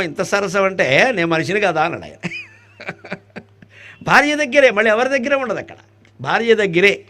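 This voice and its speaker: His voice sits high as he gives a devotional discourse, cracking jokes, posing rhetorical questions and chanting Sanskrit verses. This spiritual speaker moves between loud bursts and soft asides.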